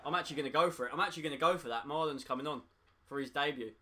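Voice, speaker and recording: Bright-voiced excitable young streamer man. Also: fairly high pitch. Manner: excitable, talks to chat, quick to frustration. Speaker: gaming streamer. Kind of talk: live gameplay commentary.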